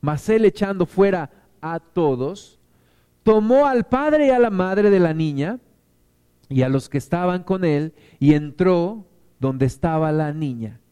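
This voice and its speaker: A man's voice: high voice, expressive, a little slow, dark tone, clear, resonant tone. A man preaching a sermon as pastor, building emphasis through repeated lines. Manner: preaching with rising emphatic repetition.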